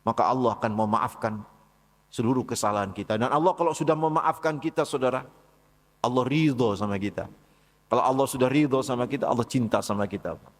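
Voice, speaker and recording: A man's voice: medium pitch, brisk. A man giving a casual, conversational talk at a dawn study session in a mosque, often calling on his listeners directly. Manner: conversational, addresses listeners as "Pak" and "saudara" often. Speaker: preacher. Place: large mosque hall. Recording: long hall reverb.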